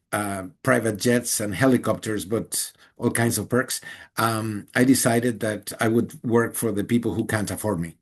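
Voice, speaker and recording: Man from Guatemala, low voice, an earnest guest interviewee. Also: a little mellow. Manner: earnest and emphatic, with small laughs. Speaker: journalist and guest. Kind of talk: interview answer.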